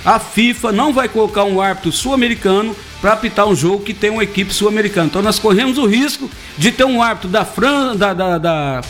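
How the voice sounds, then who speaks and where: Man, high voice, sports commentator from Brazil, joking and animated, faint music underneath. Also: fast, few pauses. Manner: joking, animated, teasing co-hosts. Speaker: sports commentator on a radio show. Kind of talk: casual sports talk.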